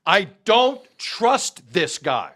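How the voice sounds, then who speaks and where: Angry man ranting, high-pitched and animated. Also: very slow. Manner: emphatic repeated rhetorical questions. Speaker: sports talk show host. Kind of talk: sports debate rant.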